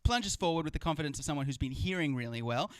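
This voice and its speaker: A man's voice: on the high side, expressive, fast talker. A man acting as game master, improvising wry narration for a live tabletop game.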